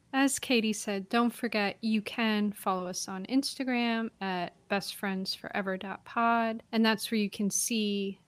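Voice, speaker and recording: A woman co-hosts a podcast in an informal, chatty way. Her voice sits at an average pitch, and the sound is very dry, with no room around it. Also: no room sound. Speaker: podcast co-host. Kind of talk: casual, chatty podcast talk.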